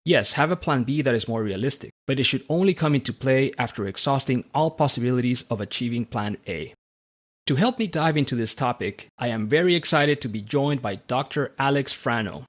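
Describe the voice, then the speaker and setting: Measured podcast host. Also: male voice, medium pitch, expressive. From Central America. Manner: measured, read-aloud delivery. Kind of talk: scripted podcast monologue and interview.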